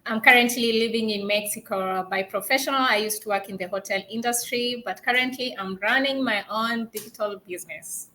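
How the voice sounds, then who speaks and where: A woman's voice: on the high side, fairly quick, hardly any pauses, sharp tone, a little hiss or hum. A woman from Kenya, earnestly telling a personal story on a video call. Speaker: digital business owner. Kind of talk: casual storytelling.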